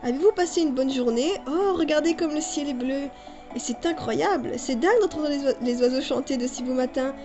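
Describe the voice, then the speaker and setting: A woman's voice: sits high, fairly quick, music in the background, natural voice. A woman reading the lines of a cheeky, overly polite young man in a homemade fan story. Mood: mock-polite. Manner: mock-courtly, teasing.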